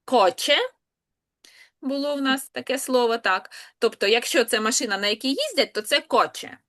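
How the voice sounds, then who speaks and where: A woman's voice: a little high, lively intonation, normal speed, a bit bright. A woman language teacher explaining spelling patiently, step by step, in an online lesson.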